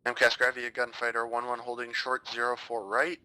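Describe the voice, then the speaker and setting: A man's voice: mid-range voice, completely flat delivery, fairly quick, pushed and bright, rough recording. A man playing a helicopter pilot in a military flight sim, answering casually and making formal tower calls. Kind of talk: gaming chat and radio calls.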